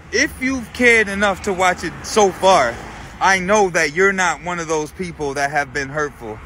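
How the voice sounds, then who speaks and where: A man's voice: sits high, sharp tone, slight background noise. A man in his thirties filming himself on a phone while walking outdoors, talking earnestly and saying "you know what I'm saying" over and over. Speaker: vlogger. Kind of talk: walking selfie vlog. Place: outdoors on a street in cold weather. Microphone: phone held at arm's length.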